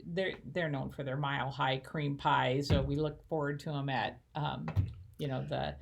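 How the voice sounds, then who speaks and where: Low-voiced woman chatting casually. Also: steady tone, moderate pace, creaky, noisy background. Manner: chatty, many fillers, laughs easily. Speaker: church missions coordinator. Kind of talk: casual chat.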